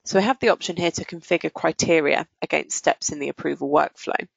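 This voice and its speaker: A low voice with vocal fry and a breathy edge guides listeners through a software demo. The woman explains things casually, with pauses and lengthened words. The sound is dull and muffled without echo.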